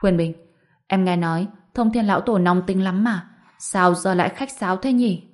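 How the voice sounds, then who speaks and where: A woman reading a gentle, curious young woman companion in an audiobook. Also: medium pitch, moderate pace, natural voice. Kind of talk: audiobook narration.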